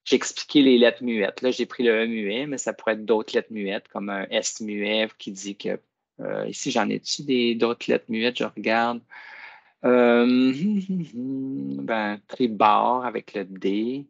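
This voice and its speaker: A middle-aged man leads a phonics demonstration in a coaxing teacher's voice. His tone is gravelly and he stretches out the words he wants pupils to repeat. The recording sounds dull and lo-fi. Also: mid-range voice, steady tone, takes it slowly. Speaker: teacher trainer. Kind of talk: classroom reading demonstration.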